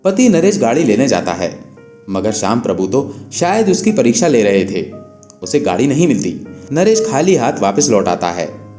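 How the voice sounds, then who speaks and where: Expressive male storyteller, lively pitch. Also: normal speed. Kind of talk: scripted devotional story narration. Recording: echoey room with faint guitar music.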